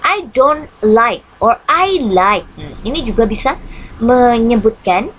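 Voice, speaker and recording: A woman teacher with an Indonesian accent, giving an online English lesson and translating each English line into Indonesian, with frequent hmm pauses. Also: fairly high pitch, animated, fairly bright tone, a little hiss or hum, poor audio. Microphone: computer mic on a screen-shared video lesson.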